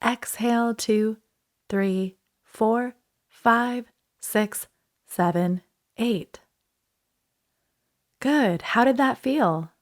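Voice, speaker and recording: A woman with a fairly high voice guides a breathing meditation. She speaks soothingly and without hurry, pausing between short instructions.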